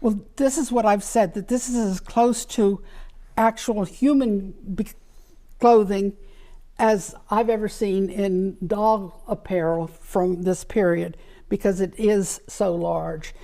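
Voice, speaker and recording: A woman guest in a show-and-tell chat, explaining antique sewing and fabric details one by one. She takes her time, speaking at an unhurried pace. Her voice is soft and mellow. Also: mid-range voice, fairly even intonation. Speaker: doll collector guest.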